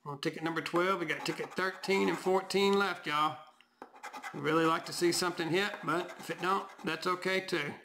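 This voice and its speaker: A man, hoarse tonight, chatting casually to viewers as he scratches lottery tickets and reads the numbers aloud. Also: sits high, steady tone, normal speed, noisy background. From Tennessee, US. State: voice going hoarse.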